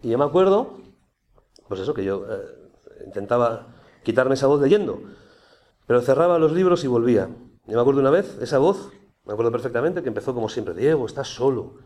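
A man giving a personal testimony to an audience, speaking in a conversational, animated way. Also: medium pitch, a little fast, pauses often. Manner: conversational, animated, with many restarts.

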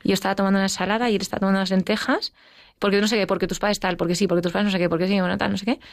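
A middle-aged woman with a Spanish accent, telling her personal story as an interview guest, emotional and quick. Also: mid-range voice, steady tone, no room sound, studio quality. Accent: Spain. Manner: fast, emotional storytelling with acted quotes. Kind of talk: personal testimony in conversation.

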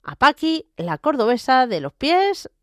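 A woman's voice: high-pitched, very animated, a little slow, dry recording. A woman radio host with a Spanish accent from Spain runs a live phone-in. Her voice sounds congested and nasal, a bit like a duck, from a head cold. The sound is dry and close.

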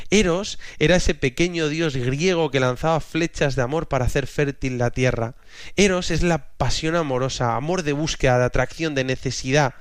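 A man's voice: mid-range voice, no room sound, clean studio sound. A man in his thirties giving a religious teaching talk, explaining patiently and often ending phrases with a questioning tag.

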